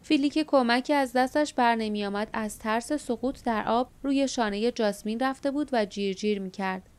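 A woman narrating an audiobook in a measured, steady reading. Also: fairly high pitch, clean tone. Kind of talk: scripted narration.

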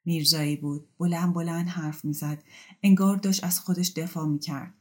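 A woman reading a story aloud in a calm, even narration. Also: fairly low pitch. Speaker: story reader.

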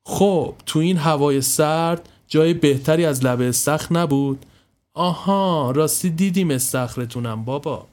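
A male narrator voicing a sharp-tongued, boastful middle-aged woman, slow and indignant, in a spoken horror story. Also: fairly high pitch, voice pushed up, lightly acted. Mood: needling. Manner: indignant, showy, slow stressed delivery.

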